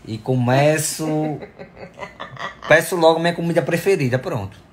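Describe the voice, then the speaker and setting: With crowd noise in the background, a 20-something influencer talks a little slowly in a voice on the high side. He answers follower questions playfully and affectionately in a casual selfie Q&A at home, moving between bedroom and kitchen with his phone at arm's length.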